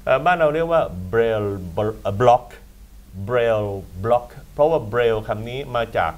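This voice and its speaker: A man's voice: medium pitch, fast, clear, resonant tone, dull audio. A man hosting a football talk show in a studio, lecturing with emphatic, rambling asides.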